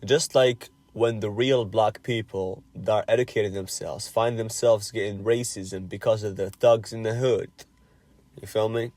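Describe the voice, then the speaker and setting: A young man from Algeria with a fairly low voice, talking over a video chat mic. He asks curious questions and swears freely. The sound is dry and close. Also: steady tone, moderate pace, darkish tone, dry recording. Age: 20s. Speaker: host chatting with strangers online. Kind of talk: casual chat.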